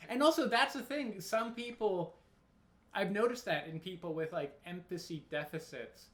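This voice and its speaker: A woman co-hosting a casual book discussion, making measured, analytical points. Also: mid-range voice, roomy sound.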